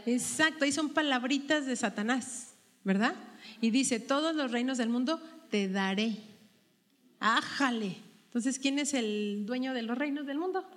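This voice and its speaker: A woman guides a Bible study. Her voice sits slightly high, and she keeps tossing questions back to the group. The room around her carries a long, lingering reverb. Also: a little slow. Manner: asks the group questions and tags them with "¿verdad?".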